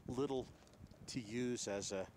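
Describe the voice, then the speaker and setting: A man filming a friend as they ski, chatting on the chairlift and loudly urging him down the hill. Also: medium pitch, unhurried. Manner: urges on loudly, coach-like. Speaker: skier filming a friend on the slopes. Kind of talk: casual chat and shouted encouragement. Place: outdoor ski slope and chairlift in a snowstorm. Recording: heavy wind noise on an outdoor camera mic.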